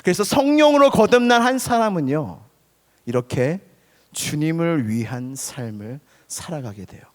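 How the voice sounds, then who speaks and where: A young man preaching a sermon, talking to his listeners directly, at times loud and at times dropping to a near-whisper. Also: fairly high pitch, sing-song, moderate pace. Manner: conversational, often addresses listeners directly; swings between loud emphasis and soft near-whispers. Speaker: pastor. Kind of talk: youth sermon. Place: church sanctuary. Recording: long hall reverb.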